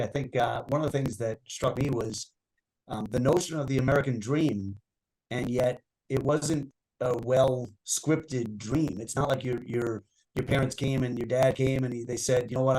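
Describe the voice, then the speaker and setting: A man moderating an author interview over a video call, asking long, measured questions with many "um" and "uh" pauses. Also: medium pitch, darkish tone, poor audio.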